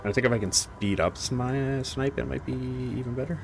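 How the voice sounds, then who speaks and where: A man's voice: mid-range voice, fairly quick, gravelly, over music. A man streaming a video game, thinking aloud in casual, hesitant commentary.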